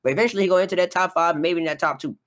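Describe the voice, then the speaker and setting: Cocky male guest, rapid-fire esports banter. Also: high-pitched, a bit bright. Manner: confident, boastful, rapid talker. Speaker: guest analyst. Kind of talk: casual esports podcast chat.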